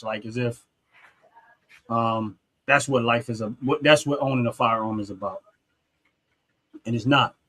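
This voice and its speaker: A podcast host from Philadelphia, USA, runs a casual talk show, speaking earnestly, emphatically and a bit preachily in a mid-range, fairly bright voice.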